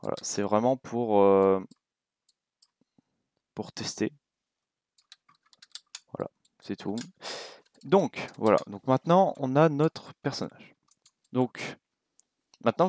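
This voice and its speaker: A young French-accented man walks through a game-making tutorial in an unhurried, low voice. He thinks aloud with fillers and mutters to himself as he works. The sound is dry and close, with keyboard clicks behind him. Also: dry recording. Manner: relaxed, talks while clicking, many fillers and little asides. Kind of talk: casual screen-recorded coding tutorial.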